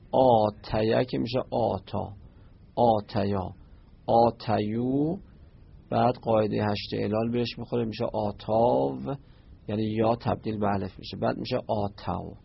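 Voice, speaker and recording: Male grammar teacher, gravelly and husky, chanting verb forms slowly; muffled lo-fi recording. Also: on the low side. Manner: recites verb forms in slow drawn-out chants. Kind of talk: classroom lesson.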